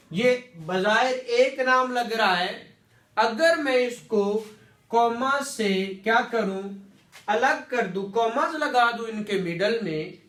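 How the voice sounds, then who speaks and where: A man's voice: very high voice, a bit bright. A man teaching a classroom lecture, repeating words and quizzing students with questions. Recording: echoey room, distant mic.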